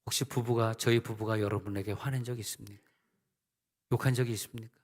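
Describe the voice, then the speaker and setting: A middle-aged male senior pastor preaching a sermon, with emphatic rises and conversational asides. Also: on the low side. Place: church sanctuary. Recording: long church hall reverb.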